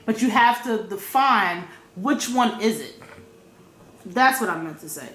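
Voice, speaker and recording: A woman's voice: medium pitch, expressive, unhurried, fairly bright tone, echoey room. A woman vlogging her opinions in a blunt, profane way, repeating her points for emphasis. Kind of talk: casual opinion rant.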